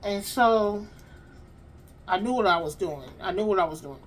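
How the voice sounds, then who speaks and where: A woman hosting her own vlog, telling a story in an animated, chatty way and talking straight to her audience. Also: mid-range voice, moderate pace. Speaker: vlog host. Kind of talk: casual storytelling to viewers.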